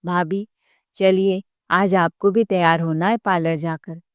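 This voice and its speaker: A woman's voice: on the low side, fairly even intonation, measured pace, clean tone, no echo, studio quality, natural voice. A woman voicing a frank, kind young daughter-in-law in a told story. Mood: insistent. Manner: frank, insistent.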